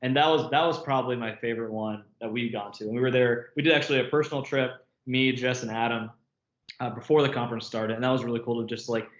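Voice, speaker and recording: A man of about thirty talks fast in a mid-range, steady voice as an interview guest on a remote call. He's chatty, laughs often, and uses lots of filler words, and the call audio sounds echoey and muffled.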